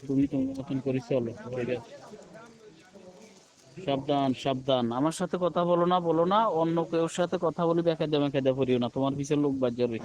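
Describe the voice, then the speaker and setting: Middle-aged man, rambling, pleading voice message, average-pitched voice. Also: brisk, darkish tone, highs cut off. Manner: rambling, pleading, repeats himself. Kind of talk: personal voice message.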